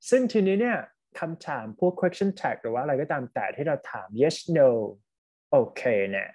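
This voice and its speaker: A man's voice: on the high side, very animated, darkish tone. Man, Thai accent, online English class, explains in Thai mixed with English, computer mic. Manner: explains in Thai mixed with English, reading test lines slowly. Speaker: English teacher.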